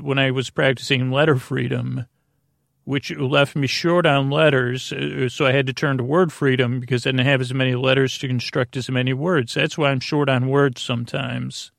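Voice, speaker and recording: The host of a sleep podcast gives a rambling bedtime monologue, halting and interrupting himself as he drifts into tangents. He has a mid-range voice with vocal fry, recorded at studio quality without echo.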